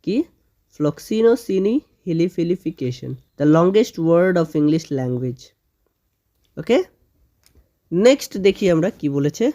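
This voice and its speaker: A woman teaching a grammar lesson for children, slowly sounding out words syllable by syllable and often checking in with her students. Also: low voice, lively intonation, mellow. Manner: slow drawn-out spelling of words, syllable by syllable; frequent "okay?" check-ins with students.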